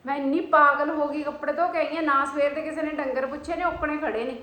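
Dramatic, loud, high-pitched Punjabi auntie. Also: female voice, fairly even intonation, brisk. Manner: dramatic loud auntie-style complaining and exclaiming. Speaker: family vlogger and mother. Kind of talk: casual household vlog chat. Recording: roomy echo, faint background noise.

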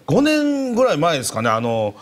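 A young adult man with a Kansai accent tells a comic story at a quick clip, with a high, very animated voice that jumps around. He acts out the people in his tale as he goes, the way a comedian spins an anecdote on a TV panel. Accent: Kansai Japanese.

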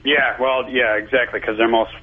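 Man in his twenties, radio caller, on speakerphone, husky voice, tinny phone line, hesitant casual talk. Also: mid-range voice, little pitch movement, moderate pace. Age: 20s. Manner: casual, hesitant, with frequent restarts. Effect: sounds like he is on speakerphone. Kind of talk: call-in radio chat.

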